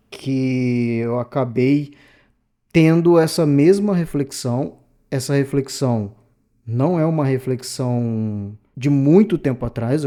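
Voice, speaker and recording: Speaking to his audience directly, a man from Brazil in his thirties delivers a loose, thoughtful monologue for his opinion channel. His voice is mid-range and dark-toned, and he drifts and self-corrects often.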